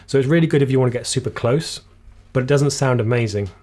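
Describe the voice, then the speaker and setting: A man hosting a live videography Q&A stream, explaining gear casually, slightly losing his voice, recorded on a boom shotgun mic in a small room. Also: fast talker, darkish tone. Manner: casual, explanatory, reads viewer comments aloud. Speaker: videography channel host. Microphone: shotgun boom mic just out of shot.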